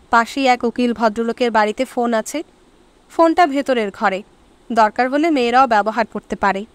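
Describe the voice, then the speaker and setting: A woman narrating a short story for an audiobook in an expressive reading style. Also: fairly high pitch, no room sound. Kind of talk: scripted narration.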